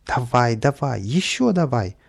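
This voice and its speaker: A man voicing a mischievous, bossy boyish troublemaker in a storybook reading, with a gravelly edge. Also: mid-range voice, moderate pace. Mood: excited. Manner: excited, wheedling, bossy.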